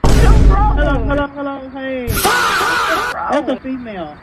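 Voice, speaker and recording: Drive thru lady through the speaker box, highish voice that jumps around, lots of noise. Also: sing-song, unhurried. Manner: polite greeting turning sharp and upset.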